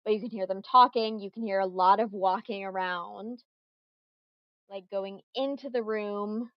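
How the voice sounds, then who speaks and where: A young adult woman running a tabletop role-playing game as game master, narrating scenes in a casual, animated way with quick asides. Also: medium pitch, no echo, highs cut off.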